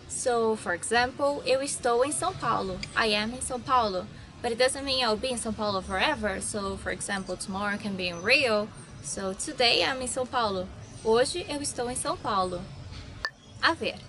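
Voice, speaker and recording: A woman's voice: on the high side, a bit bright. A woman, explaining verbs with examples as a language teacher. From Brazil. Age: 20s. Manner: friendly, explanatory, gives examples.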